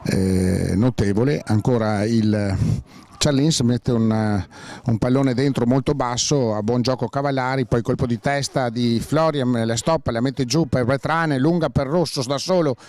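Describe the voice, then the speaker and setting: A man's voice: mid-range voice, unhurried, a little mellow. A man doing live play-by-play football commentary, hesitant with many fillers and rising sharply on chances.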